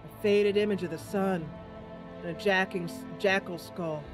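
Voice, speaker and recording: Here the host's mid-range voice stays steady in tone and runs a little slow. She delivers chatty game commentary with voiced role-play, playfully thinking aloud over background game music.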